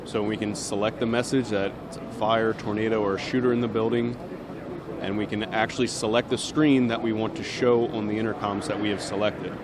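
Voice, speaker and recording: At an indoor trade show booth, a man walks through an unscripted, step-by-step product demonstration with a busy crowd audible behind him. His voice is fairly low and his delivery flat and brisk, with background noise throughout.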